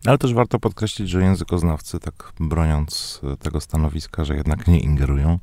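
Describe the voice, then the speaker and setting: A man hosting a radio interview, speaking hesitantly and pausing often on filler sounds. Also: a bass voice, dark tone, no echo. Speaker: radio host.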